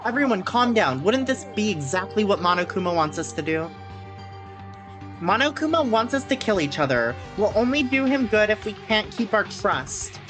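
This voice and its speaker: A man's voice: high voice, very animated, moderate pace, over music, pitched above the performer's own voice. A man voicing an earnest young student peacemaker from an anime game, urgent and pleading.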